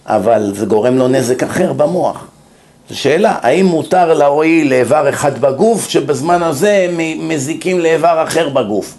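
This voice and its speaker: A man with a fairly high voice preaches at a class, lecturing with lively storytelling. He teases and scolds his listeners with humor. The talk moves between teaching and anecdote. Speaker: rabbi giving a Torah class. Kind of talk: sermon-style lesson with storytelling. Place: class in Brooklyn.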